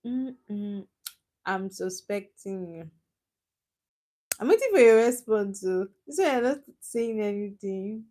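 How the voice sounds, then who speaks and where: Hosting a livestream, this young Nigerian woman speaks slowly and expressively in a mellow, mid-range voice. Chatty and teasing, she laughs easily and answers comments from the chat.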